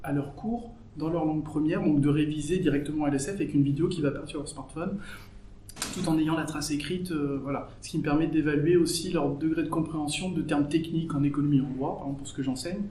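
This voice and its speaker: A man's voice: fairly high pitch, fast, warm tone, slight background noise. A man teaching at a bilingual school, explaining his methods step by step with many fillers in an interview. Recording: echoey room, faint ambience.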